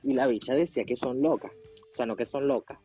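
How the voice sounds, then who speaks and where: A man with a Venezuelan accent, chatting casually on a podcast, slangy and animated, laughing often. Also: mid-range voice, brisk, slightly rough. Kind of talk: casual chat. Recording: dull lo-fi sound with faint music.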